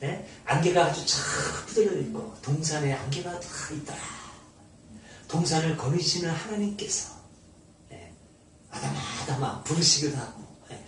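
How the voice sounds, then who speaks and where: A man leads an informal Bible study, talking bluntly with a lively, swinging delivery. His voice sits a little high. He is recorded from a distance in a strongly echoing room with faint background noise. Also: normal speed. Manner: animated, blunt and sometimes mocking. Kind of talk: informal lecture. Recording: echoey room, mic far off.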